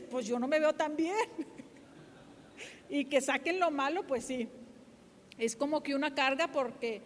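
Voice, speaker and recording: A middle-aged woman pastor, preaching a sermon in a loud, emphatic, lively way. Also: high voice, long reverb tail, a little hiss or hum. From Mexico.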